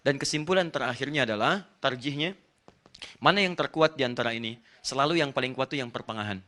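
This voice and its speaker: Fast, bright-voiced male preacher. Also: medium pitch. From Indonesia. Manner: explanatory, emphatic, addresses audience directly. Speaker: Islamic preacher. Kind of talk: religious lecture.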